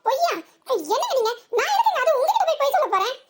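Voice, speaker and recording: A woman's voice: very high-pitched, sing-song, very fast, heavy background noise. A woman voicing a chatty, teasing young village wife in a comic cartoon, with a southern Tamil Nadu accent and gossipy muttered asides.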